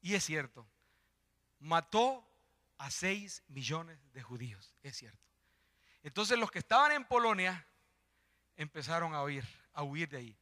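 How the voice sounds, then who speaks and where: An older man preaching a sermon in a church, swinging from hushed pleading to impassioned shouting. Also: a little high, big pitch swings, measured pace, long pauses. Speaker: lay preacher.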